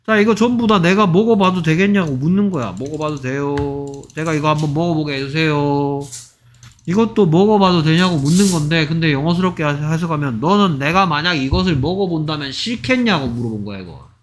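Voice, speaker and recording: A man's voice: fairly high pitch, a little hiss or hum. Korean male English teacher drilling phrases. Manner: drills phrases, stretches English examples slowly, acts out little dialogues. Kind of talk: exam-prep lecture.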